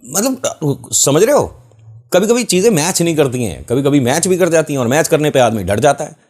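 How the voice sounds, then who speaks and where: A man's voice: a little high, very animated, a little fast, darkish tone. A man hosting a YouTube channel, telling a story in casual chat and acting out the voices of the people he quotes.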